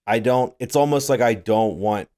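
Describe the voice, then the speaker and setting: This podcast co-host is a young man whose medium-pitched voice has a dark tone and a moderate pace. In casual conversation he wanders from thought to thought, cursing frequently and breaking into laughter.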